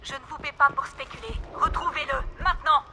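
A woman's voice: high voice, lively intonation, a little fast, heavily acted. A woman playing an imperious, impatient boss of mercenaries in a sci-fi video game, sharply commanding. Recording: game audio under very loud music.

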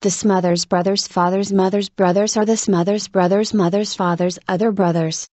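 A woman reading scripted tongue twisters aloud with careful, deliberate articulation. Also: medium pitch, fairly even intonation, a little mellow, no room sound.

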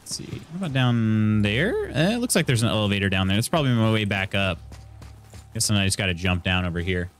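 A streamer in his thirties with a Midwestern American accent from Indiana chats casually while playing a game and reading chat, from a small room at home on a studio mic on an arm near his face. His lowish, fairly bright voice has lively intonation and a quick pace, with soft background music.

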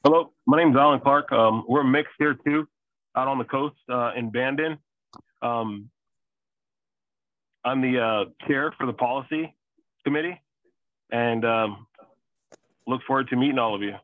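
Man on a tinny phone-like line, dry, brief and halting introduction. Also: medium pitch, no echo. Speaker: policy committee chair. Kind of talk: casual online meeting. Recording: tinny phone-like call audio.

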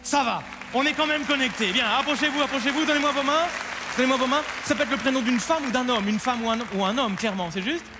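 A man's voice: very high voice, quick pace, a loud crowd, heavy background noise. A man performing as a mentalist on stage, coaxing and directing a volunteer in a theatrical, commanding way, in a live theatre with long reverb.

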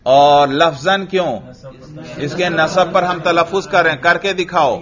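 Male grammar teacher, classroom drill style; slow, patient, repetitive questioning; muffled lo-fi recording. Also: a little high, fairly even intonation, a crowd in the background. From Pakistan. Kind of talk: classroom lecture with call-and-response drilling.

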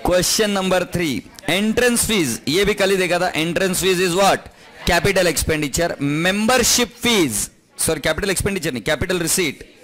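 A man teaches accounting in a classroom, pitched a little high. He is firm with his class and teases his students, sliding between Hindi and English as he explains. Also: animated, normal speed, few pauses, fairly bright tone. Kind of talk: recorded classroom lecture.

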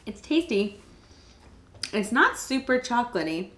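A woman's voice: fairly high pitch, sing-song, a little slow, fairly bright tone. A woman co-hosting a snack taste-test video in easygoing, curious casual chat.

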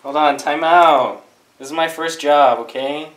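A young man hosting a home cooking video, joking about himself in a casual, excitable chat. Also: on the high side, unhurried. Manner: goofy, self-mocking, excitable. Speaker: host cooking. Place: home kitchen. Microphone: camera across the room. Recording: echoey kitchen, distant camera, noisy.

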